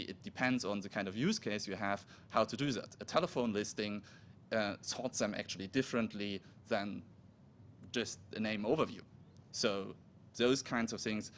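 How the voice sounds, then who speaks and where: At a conference, in a conference room, a man whose first language is German gives a technical talk in a fairly low, slightly bright voice. He speaks haltingly, breaking off words, restarting and correcting himself. A faint rumble sits beneath the recording.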